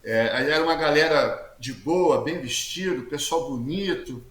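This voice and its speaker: A man, a guest telling his testimony in a casual interview, talking loudly and acting out the dialogue he quotes with plenty of slang. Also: a little high, unhurried. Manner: lively storyteller who acts out quoted dialogue, slangy; speaks loudly. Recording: echoey room with faint background hiss.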